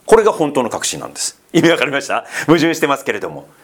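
A pastor preaches a casual, conversational sermon in a medium-pitched, sing-song voice at a racing pace. Chatty and full of fillers and asides, he keeps asking the congregation questions and teasing them.

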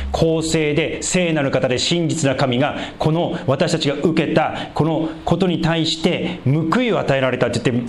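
Animated Japanese pastor preaching. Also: male voice, a little hiss or hum. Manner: animated, rhetorical questions to the congregation; swings between loud emphasis and hushed lows. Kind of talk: sermon.

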